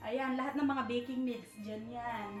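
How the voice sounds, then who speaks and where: A young woman vlogger casually tours her apartment at night, rambling, searching for words and mixing in English. Her voice is fairly high and steady at a moderate pace, captured far from the mic in an echoey room with faint music playing.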